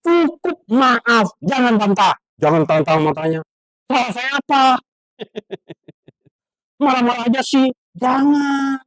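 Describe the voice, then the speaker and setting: Man, preacher, sermon to students, high voice, animated with sound effects, loud-to-hushed swings, dry close recording. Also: dry recording. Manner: animated, acts out scolding parents with sound effects; swings from loud raised lines to low hushed asides. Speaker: preacher at an Islamic boarding school.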